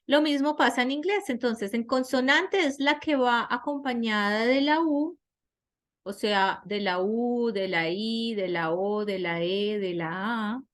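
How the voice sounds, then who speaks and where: A woman's voice: on the high side, a little slow. A woman teaching English grammar in an online class, explaining step by step and often asking her students questions.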